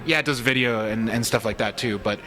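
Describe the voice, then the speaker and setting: A man's voice: fairly low pitch, brisk. A man in casual podcast chat, talking loosely with many fillers and hedges.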